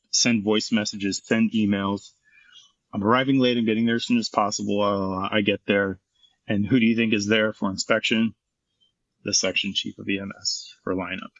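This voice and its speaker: A man's voice: on the low side, flat delivery, normal speed, fairly bright tone, no room sound, lo-fi sound. A middle-aged man, a former firefighter and paramedic, telling his story frankly and intensely in an interview, swearing freely.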